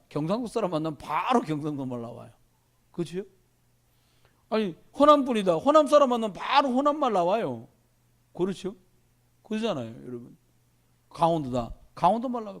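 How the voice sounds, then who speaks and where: Male pastor, middle-aged, high and very animated delivery, sermon in church. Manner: animated preaching, addresses congregation directly.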